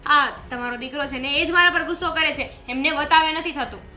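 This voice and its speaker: Defensive young daughter-in-law, high voice, bright tense tone, argumentative. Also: female voice, a little fast, soft background music. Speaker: daughter-in-law in a family drama. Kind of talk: acted family drama dialogue.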